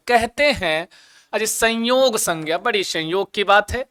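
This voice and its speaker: A man's voice: high voice, bright, forceful tone, clear, resonant tone. A man teaching an online exam coaching lesson, playful, asking questions and answering them himself. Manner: chants an opening prayer slowly. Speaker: Sanskrit teacher.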